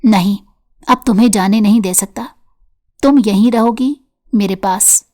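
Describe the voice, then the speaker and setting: A woman's voice: mid-range voice, a little mellow, natural voice. A woman voicing an angry, desperate young man who has kidnapped a girl and talks in a harsh, threatening way. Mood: stern.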